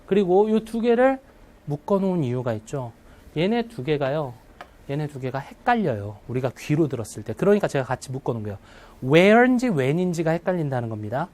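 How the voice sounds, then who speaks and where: A man teaching an English test-prep class to live students, often checking in with questions and slowing down to model phrases. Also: fairly high pitch, sing-song, a little mellow. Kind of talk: classroom lecture.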